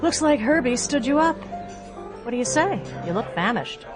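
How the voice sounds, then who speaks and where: A woman's voice: fairly high pitch, very animated, normal speed, over music. An actress playing a flirtatious, breezy and self-assured female agent in an audio drama, with a playful, teasing delivery.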